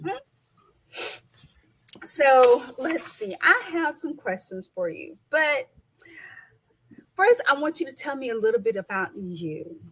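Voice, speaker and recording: A woman hosting a casual livestream interview, chatting with lots of restarts and quick laughs, heard over a video call. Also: sits high, big pitch swings, slightly rough, rough recording. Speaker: host.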